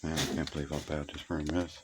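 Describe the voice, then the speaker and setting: A middle-aged or older hobbyist with an extremely low voice talks fast in a level tone, rambling in a folksy, plainspoken way as he shows off his old radio gear. He muses to himself while walking through a cluttered old room being cleared out. The amateur recording is noisy, with clicks and chirping insects.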